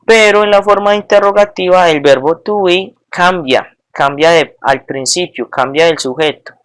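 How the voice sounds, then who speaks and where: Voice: mid-range voice, clean tone. A teacher giving a recorded lesson, patiently explaining each form step by step and often checking with the class. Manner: patient, checks understanding with frequent tag questions; spells out each form slowly and repeats it.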